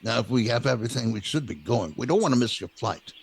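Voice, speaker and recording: A man's voice: mid-range voice, expressive, fast talker, creaky, background noise. A man playing a courteous working driver in a comedic audio play.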